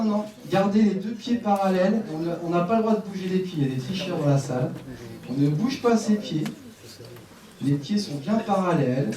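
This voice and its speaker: Lively man leading a lecture hall. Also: on the high side. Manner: lively, directive, joking with audience. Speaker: sports conference speaker. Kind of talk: live lecture with audience exercises. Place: conference room with audience. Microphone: headset microphone. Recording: echoey room, voice from a distance, faint room noise.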